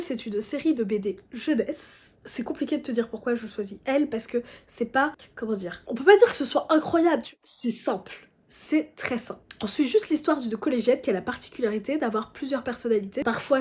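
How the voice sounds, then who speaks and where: A woman's voice: on the high side, a little mellow, breathy edge. A woman chatting casually about books, talking straight to the viewer with playful asides. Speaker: book reviewer. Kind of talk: casual book review chat.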